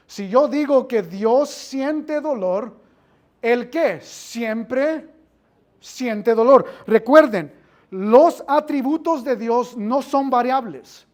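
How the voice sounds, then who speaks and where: Unhurried church teacher who quizzes the class and repeats key phrases. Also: mid-range voice, lively intonation, darkish tone. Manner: mixes in English filler words. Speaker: Bible teacher. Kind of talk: interactive Bible class teaching.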